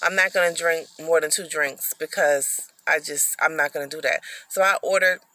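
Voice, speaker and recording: A woman's voice: deep voice, steady tone, moderate pace, bright, forceful tone, low-quality recording. A woman telling a personal story in a casual, rambling way, full of likes and ums.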